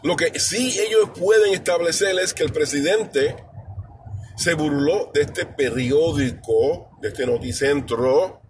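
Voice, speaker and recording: A man's voice: a little high, takes it slowly, slight background noise. A man from New York giving an emphatic, blunt, repetitive political commentary in a casual monologue. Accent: New York Spanish speaker. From New York, USA.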